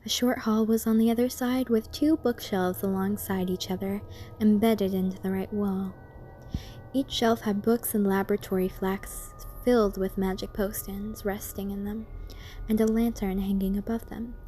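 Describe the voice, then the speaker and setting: A woman's voice: mid-range voice, fairly even intonation, normal speed, mellow, soft background music. A woman reading scripted horror fan fiction as a story narrator.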